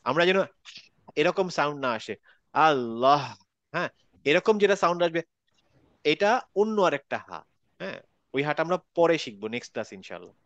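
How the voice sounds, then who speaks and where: A man with a Bangladeshi Bengali accent leads an online recitation class. He speaks patiently and demonstrates each sound by repeating it, in a slightly high voice. The sound is dry and close, as on a video call. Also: expressive, brisk, long pauses, a bit bright, dry recording, highs cut off. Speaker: Quran recitation teacher. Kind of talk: online class teaching pronunciation.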